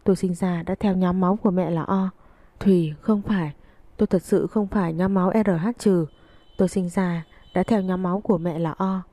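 A woman's voice: lowish voice, fairly even intonation, brisk, mellow, no room sound, lightly acted. A woman reading the lines of a troubled young man who answers in short, firm, reassuring words. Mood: tense.

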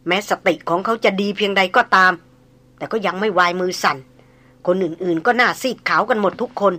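A woman reading an adventure novel aloud with steady dramatic narration. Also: medium pitch, fairly quick.

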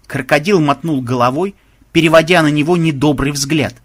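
A man reading an audiobook aloud with expressive, dramatic narration. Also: fairly high pitch, normal speed.

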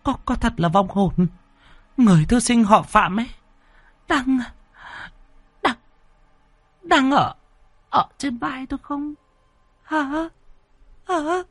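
A man doing a shrill, stammering terrified woman. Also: slow, long pauses, a bit bright, dry recording, heavily acted. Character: panicked fat middle-aged woman, terrified. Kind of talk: horror audiobook acting.

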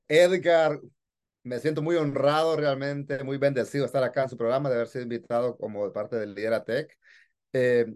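A man from Honduras, a guest on a talk show, formal and grateful, speaking slowly. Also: mid-range voice, darkish tone. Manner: formal and grateful, slow and measured.

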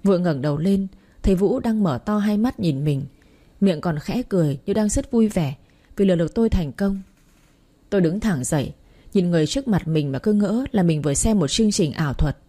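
A woman tells a romance story in the first person, her voice low-set, mellow and husky. The reading is tender and emotional, close on the mic. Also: animated, brisk.

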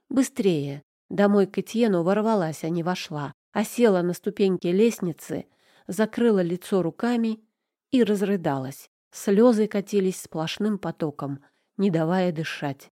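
Woman narrating a sad audiobook, low mellow voice, dry close sound. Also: no room sound. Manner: emotional, tearful delivery. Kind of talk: first-person audiobook narration.

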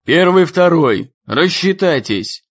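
A man voicing a loud, bossy male drill commander who barks short military orders in an audiobook. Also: on the high side, expressive, slow, lo-fi sound, heavily acted. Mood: barking orders. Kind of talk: audiobook character voice.

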